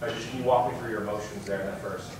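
A man's voice: fairly low pitch, steady tone, very fast. A man reporter asking long, detailed questions at a press conference. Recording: echoey, far off the mic, noisy.

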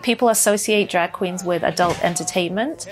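A woman in her thirties explains things in a documentary interview. Her voice sits a little lower than average. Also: moderate pace, faint music behind. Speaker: executive director of a story hour organisation.

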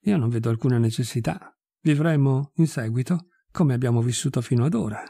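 A man voicing a frank, restless young widow in a read-aloud story, with a dark, husky voice. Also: medium pitch, brisk, no echo, clean studio sound. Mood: defiant.

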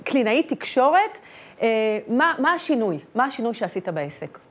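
A woman's voice: fairly high pitch, sing-song. A woman guest, a business and personal mentor, talking casually and emphatically in a TV studio.

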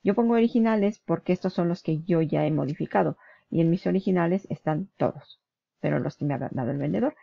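An online business vlogger with a fairly low, brisk, gravelly voice walks through her computer screen in a casual, chatty screen-share. She keeps checking in with her viewer, often asking "¿vale?", and corrects herself mid-word. The recording is dry, with the highs cut off.

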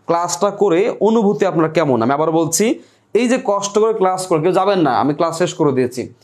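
A man's voice: high voice, expressive, a little fast, a little mellow. Young man teaching a live online class. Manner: explains step by step, repeats words and asks the class questions. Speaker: online Bengali tutor. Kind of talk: live online class, reading viewer comments.

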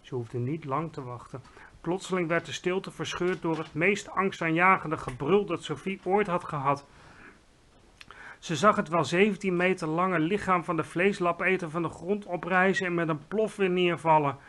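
A man reading a children's book aloud with lively, expressive narration. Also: sits high, normal speed, slight background noise. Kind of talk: storybook read-aloud.

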